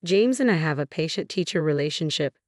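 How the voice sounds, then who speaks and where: A woman voicing a calm, smooth-talking male counselor in a scripted story narration. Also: a little high, brisk, dry recording, clean studio sound, lightly acted. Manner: calm, even.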